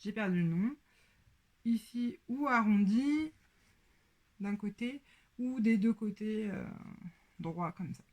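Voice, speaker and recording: Hesitant French woman, unhurried show-and-tell host, moves on and off mic. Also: mid-range voice, animated, a little mellow. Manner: hesitant, many pauses and fillers. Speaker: sewing podcast host.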